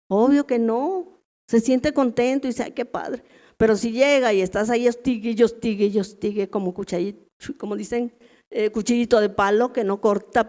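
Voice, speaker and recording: A middle-aged Mexican woman gives a casual, talky church lesson to a room of women. Her voice sits a bit high, and she keeps turning to her listeners with quick questions. It feels like everyday preaching rather than a formal sermon. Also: mellow. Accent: Mexican Spanish. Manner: chatty, asks the audience rhetorical questions. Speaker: women's ministry teacher. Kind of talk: conversational church teaching.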